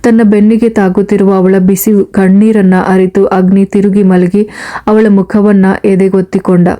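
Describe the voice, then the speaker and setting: A woman narrating a serialized audiobook story in a steady, even storytelling manner. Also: mid-range voice, moderate pace.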